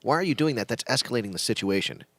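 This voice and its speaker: Bright, sarcastic man on a podcast. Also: mid-range voice, lively intonation, quick pace, no echo. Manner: wry, sarcastic. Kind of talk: casual chat over drinks.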